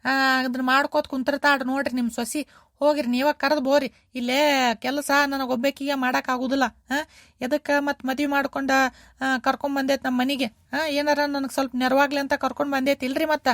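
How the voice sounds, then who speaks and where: Lady voicing a high nagging cartoon mother-in-law, north karnataka accent, moans on and on, dry close mic. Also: level tone, a little fast, fairly bright tone, no room sound. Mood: complaining. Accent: North Karnataka Kannada. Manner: shrill, complaining, repetitive.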